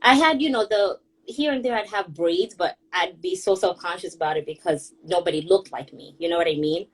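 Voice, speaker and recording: A young woman from Kenya talks about her life in a relaxed, chatty way, laughing often as she goes. Her voice sits a little low and has a husky edge. She is speaking on a group audio call. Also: a little fast, low-quality recording. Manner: chatty, laughs often while telling stories. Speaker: guest, hairstylist and blogger.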